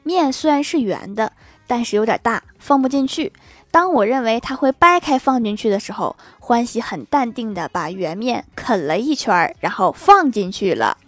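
A woman's voice: fairly high pitch, lively intonation, normal speed, a bit bright. A woman telling jokes in a casual, teasing way and chuckling at her own punchlines. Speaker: online shop host telling jokes. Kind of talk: casual joke storytelling.

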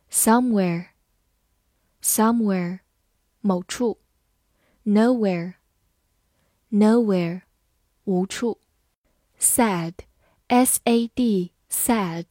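A woman teaching English vocabulary. She spells words out letter by letter and repeats phrases slowly. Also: mid-range voice, darkish tone, no room sound, studio quality. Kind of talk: vocabulary lesson with slow read-alouds.

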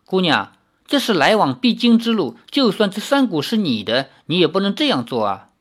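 A man voicing a brash, playful young swordsman in a read-aloud novel, raised high and cheeky. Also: big pitch swings, moderate pace. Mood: teasing.

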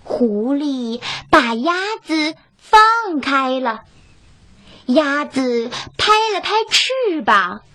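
High-voiced woman telling a children's story. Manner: slow, expressive, sing-song.

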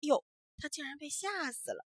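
A woman telling a children's story as a storyteller, in an expressive, emphatic way. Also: high voice, moderate pace, no room sound.

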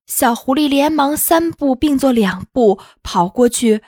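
Lady reading a kids' story, kinda husky, dry close mic, mid pitch. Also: lively intonation, measured pace, darkish tone, no echo. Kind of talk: children's story narration.

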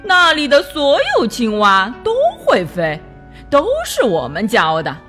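A woman voicing a polite but scheming male stork doctor in a children's storybook, drawing out his words smoothly. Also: on the high side, sing-song, bright, forceful tone, faint music behind, full character voice. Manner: drawn-out, smooth-talking.

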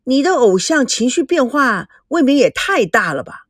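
A woman's voice: high voice, very animated, normal speed, dry recording, studio quality. A woman voicing a polite, jovial middle-aged businessman. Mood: grumbling. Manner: polite, then grumbling.

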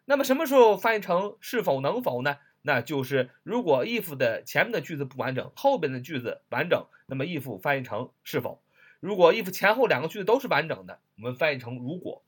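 A man teaching an English writing lesson, explaining a phrase, spelling words letter by letter and repeating them slowly. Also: a little high, big pitch swings, slightly rough. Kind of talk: lively recorded lesson.

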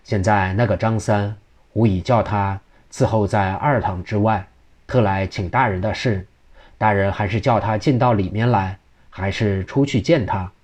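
Guy reading as a pushy scheming secretary begging his boss, low voice. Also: moderate pace, darkish tone, natural voice. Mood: earnest. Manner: insistent, pleading. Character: cunning male secretary to an official.

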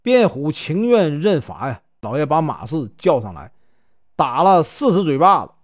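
A man with a Northeastern Chinese accent telling a traditional story in a chatty, lively way. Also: on the high side, moderate pace. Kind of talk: storytelling narration.

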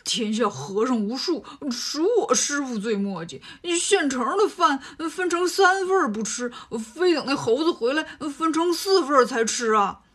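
A woman's voice: high-pitched, lively intonation, moderate pace, few pauses, fairly bright tone. A woman doing a whiny greedy pig monk. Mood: grumbling. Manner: grumbling, stirring trouble.

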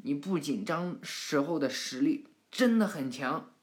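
A woman voicing a clever, calm boy ninja who apologizes earnestly in a spoken cartoon retelling. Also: sits low, measured pace. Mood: apologetic.

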